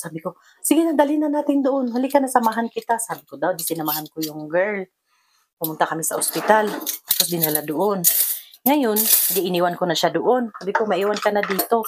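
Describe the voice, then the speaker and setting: A Filipino-accented woman tells a dream story in a loose, casual vlog. She fills her talk with fillers and drifts into English phrases, and her pitch jumps up when she acts out her own quoted lines. Soft clinks of dishes and cutlery sit faintly behind her. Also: noisy background. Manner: many fillers and code-switching into English phrases. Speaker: vlogger.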